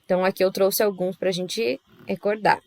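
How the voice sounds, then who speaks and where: A woman's voice: medium pitch, fairly even intonation, moderate pace, gravelly, a little mellow, no room sound. A woman teaching a Spanish class with a Brazilian Portuguese accent, explaining patiently step by step and checking in with her students. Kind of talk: recorded class lesson.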